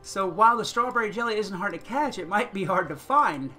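A man's voice: sits high, animated, brisk, bright, forceful tone, soft background music. A man giving casual, chatty commentary on his own gameplay, thinking aloud and chuckling often as he plays. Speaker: gaming channel host.

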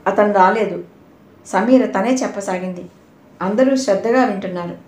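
A woman reads an audio novel aloud in scripted, measured narration. Her voice sits at a middle pitch and a roomy echo surrounds it. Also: a little mellow. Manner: measured storytelling.

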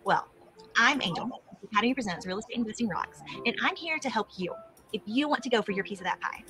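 A woman's voice: on the high side, animated, fast talker, music in the background, low-quality recording. A woman hosting an online event, introducing it enthusiastically and a little rambling, in a recording that is played sped up. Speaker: event host.

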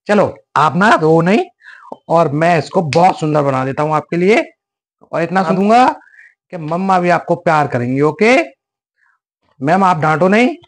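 A man's voice: a little high, animated, moderate pace, pauses often. A man hosting a kids' coloring lesson, talking in a soothing, coaxing, sing-song way to children. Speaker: children's drawing channel host. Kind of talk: acted skit and coloring lesson for kids.

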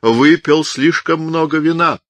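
A man's voice: a little high, unhurried, no room sound, voice pushed up, close to an everyday voice. Man playing a smarmy hypocritical monk. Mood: unctuous. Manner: unctuous, mock-meek. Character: hypocritical male monk, falsely humble.

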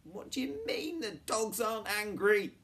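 A man reading aloud and voicing an excitable, anxious boy who blurts out shrill, panicky lines. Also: measured pace, a little hiss or hum. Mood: alarmed.

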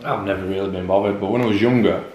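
A man's voice: lowish voice, steady tone, very fast, a little mellow, lo-fi sound, a little hiss or hum. A man chatting casually, talking in an encouraging, matter-of-fact way. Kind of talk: casual chat. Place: bright open kitchen, indoors. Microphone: camera on the table. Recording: echoey room.

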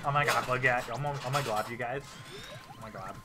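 A man's voice: medium pitch, a little fast, very noisy. A young man playing through a game for a let's play, laughing often and swearing while he reacts. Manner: laughs often, profane, excitable. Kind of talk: casual gaming commentary. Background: game music.

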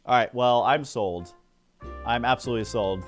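A man's voice: medium pitch, normal speed. A man giving casual commentary while playing a video game, chatty and joking as he reacts. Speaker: gaming YouTuber. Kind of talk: let's play commentary. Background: game music.

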